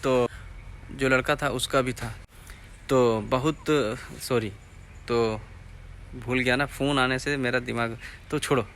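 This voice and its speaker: A young man with an eastern Uttar Pradesh Hindi accent tells a rambling personal story straight to his viewers, circling back and repeating himself. His voice is bright and forward at an ordinary pitch. A faint hiss of room noise sits under him. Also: steady tone, slow pace, long pauses. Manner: rambling, repeats phrases, asks viewers to comment. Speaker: vlogger telling his recruitment story. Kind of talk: casual storytelling to camera.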